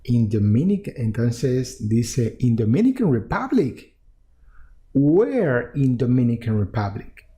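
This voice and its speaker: A man teaching an English lesson to Spanish speakers, repeating English phrases slowly and then explaining them in Spanish. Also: medium pitch, big pitch swings, mellow.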